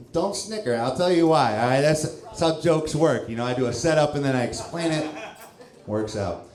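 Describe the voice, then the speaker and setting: A man's voice: mid-range voice, lively intonation, normal speed, a little mellow, echoey room. A stand-up comedian in his thirties from St. Louis, with a loose, self-mocking delivery and chuckles between lines, on a club stage with a handheld mic. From St. Louis, Missouri, USA. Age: 30s.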